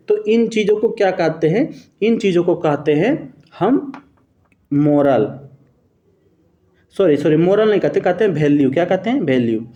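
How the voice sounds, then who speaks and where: A man's voice: high-pitched, dark tone, roomy sound. A man teaching an exam-prep lesson, walking students through answer choices step by step, quizzing them with rhetorical questions and now and then correcting himself mid-sentence. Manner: addresses students fondly as "babu".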